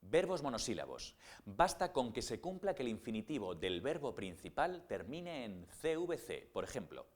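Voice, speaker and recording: A man explaining grammar rules step by step in a scripted lesson narration, with slow, spelled-out example words. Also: mid-range voice, very animated. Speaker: grammar teacher.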